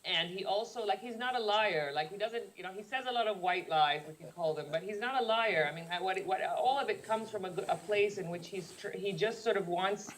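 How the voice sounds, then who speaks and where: A woman's voice: medium pitch, a little fast, few pauses, slight background noise. A woman filmmaker answering an audience question, hesitant and searching for words, tired from the late hour. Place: screening hall.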